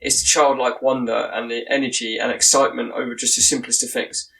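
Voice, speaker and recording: A man co-hosting a podcast, talking about a film in an animated, opinionated way and often restarting his sentences. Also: medium pitch, brisk, creaky, recorded from a distance, over a noisy crowd, rough recording. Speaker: podcast co-host. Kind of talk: casual film discussion.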